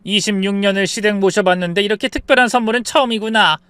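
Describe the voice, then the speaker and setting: A man voicing a proud seventy-year-old mother-in-law who dotes at first, then shouts in anger. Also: high voice, quick pace, clear, resonant tone, dry recording, voice pushed up. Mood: pleased.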